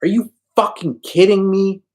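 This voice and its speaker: A man voicing a volatile, foul-mouthed young man who shouts and rants in a raised, strained voice. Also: mid-range voice, very animated, unhurried, breathy edge, pitched above the performer's own voice. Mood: furious.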